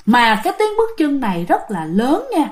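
A woman tells a ghost story in a chatty way, often speaking straight to her listeners. Her voice sits fairly high and swings widely in pitch. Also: huge pitch swings, a little fast. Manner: chatty, addresses listeners directly.

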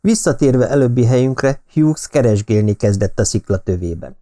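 A man reading an audiobook, telling a first-person story in a steady manner. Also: mid-range voice. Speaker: audiobook narrator.

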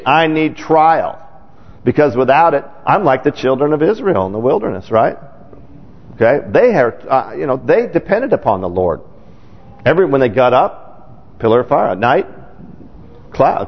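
Chatty preacher man, lively pitch. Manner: chatty, checks in with the congregation often; acts out worried voices in a higher pitch. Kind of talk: conversational sermon. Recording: dull lo-fi sermon recording with long hall reverb.

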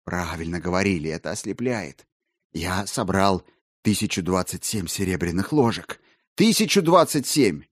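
A man voicing an excitable male collector who pleads feverishly and rises toward shouting. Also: deep voice, moderate pace, no echo, studio quality. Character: excitable, rambling male collector, wild-eyed.

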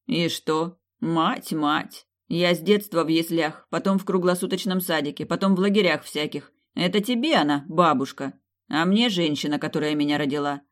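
A woman's voice: low-pitched, normal speed, natural voice. A woman reading an audiobook, voicing a curt, dismissive middle-aged mother who speaks harshly to her daughter. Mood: scornful.

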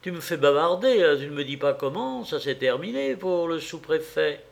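A man's voice: fairly high pitch, expressive, moderate pace, gravelly. Séverine, a man voicing an eager young wife. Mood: coaxing. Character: lively young wife, playful and excitable. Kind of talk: audiobook character reading.

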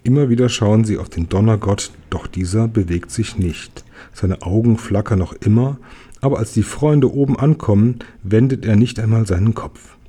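Storybook reader: man, calm read-aloud voice, dark and husky. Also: lowish voice, moderate pace. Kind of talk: reading a children's book aloud.

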